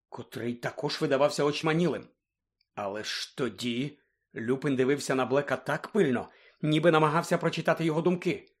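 Expressive male audiobook narrator. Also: medium pitch, slightly rough. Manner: dramatic, varying in pace and volume.

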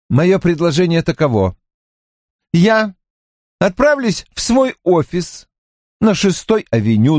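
A man's voice: a little high, a little mellow, no room sound, clean studio sound, voice pushed up. A man reading an audiobook, voicing a pushy, persuasive male businessman who keeps pressing his offer. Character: pushy smooth-talking male businessman, insistent. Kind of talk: audiobook character voice.

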